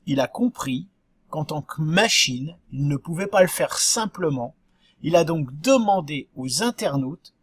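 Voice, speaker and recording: A man's voice: fairly high pitch, breathy edge, dry recording, studio quality. A man giving a lesson on web marketing, talking straight to viewers and asking rhetorical questions. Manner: didactic, addresses viewers directly with rhetorical questions. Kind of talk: explanatory video talk.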